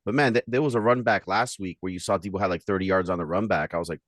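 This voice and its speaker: A man with a New York accent chats about football on a podcast, his voice sitting a little low and the words tumbling out fast. He gets animated, laughs easily and repeats himself as he thinks aloud. The sound is dry and close. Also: dry recording. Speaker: podcast co-host. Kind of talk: casual sports chat.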